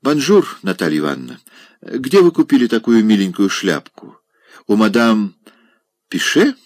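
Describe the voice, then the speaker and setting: A man's voice: lowish voice, big pitch swings, moderate pace, a little mellow, dry recording, pitched above the performer's own voice. A man voicing a vain, coquettish middle-aged lady who speaks in an affected, flirting way, in an audiobook reading.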